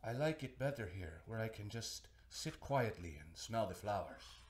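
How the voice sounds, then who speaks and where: A man voicing a gentle, contented young bull in a children's storybook, speaking softly and placidly. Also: fairly low pitch, lively intonation, moderate pace, a little hiss or hum, voice pushed down, natural voice. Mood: calm, content.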